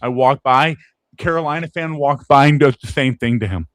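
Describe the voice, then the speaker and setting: A young man co-hosts a casual sports podcast. He tells a story in a loose, relaxed way, full of fillers. The sound is close and dry. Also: medium pitch, moderate pace, no echo, low-quality recording. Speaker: podcast co-host.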